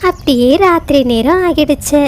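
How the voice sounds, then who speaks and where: Female narrator for a kids' cartoon; high voice, steady storytelling. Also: moderate pace.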